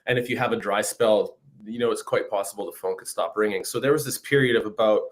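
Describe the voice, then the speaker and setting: A man's voice: on the low side, quick pace. A man in his fifties from northern Saskatchewan, a guest musician chatting casually over a video call and often adding "you know what I mean". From Canada, northern Saskatchewan. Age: 50s. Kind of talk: casual interview chat. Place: home room, video call. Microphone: video call mic.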